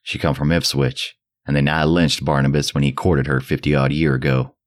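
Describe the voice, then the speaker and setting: A man voicing a terrified old drunk who rants in a shrill, cracking old voice and a rustic dialect. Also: little pitch movement, normal speed. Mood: muttering. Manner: rustic old New England dialect, ranting. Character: terrified old male drunk, rambling and frantic.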